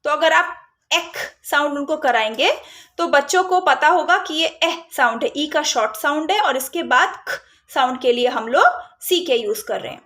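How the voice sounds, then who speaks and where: A woman's voice: sits high, pushed and bright. A woman explaining a phonics spelling rule to parents, patiently sounding out letters and words, mixing in English terms. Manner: slow, patient, mixes Hindi and English words. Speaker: phonics teacher and parenting vlogger.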